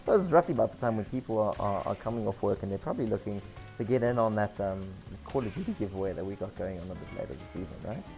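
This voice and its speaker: A man's voice: fairly low pitch, expressive, very fast, gravelly, a little mellow, soft background music. Rambling joking New man. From New Zealand. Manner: rambling, joking, self-correcting. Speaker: game streamer. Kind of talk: casual live gameplay stream.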